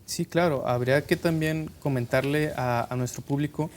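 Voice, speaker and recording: A man's voice: fairly high pitch, fairly even intonation, normal speed, slight background noise. A man in a casual literary discussion, laying out his points step by step. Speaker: book discussion panelist.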